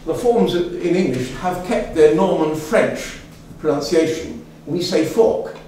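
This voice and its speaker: A man's voice: a little high, unhurried, dark tone. An older man giving an informal talk to a local society, rambling and chatty, with many fillers and restarts. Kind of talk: informal lecture. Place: meeting room with an audience. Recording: echoey room, mic far off, faint room noise.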